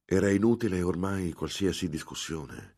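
A man narrating a literary tale in first person for an audiobook. His voice sits extremely low, with a gravelly fry and a husky texture. He tells the story in a measured, dramatic way. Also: lively intonation, warm tone.

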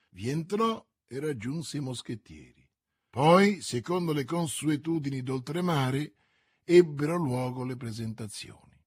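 A man narrating a classic novel aloud in a steady, measured storytelling manner. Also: a little high, husky, no echo, clean studio sound. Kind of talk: audiobook reading of a classic novel.

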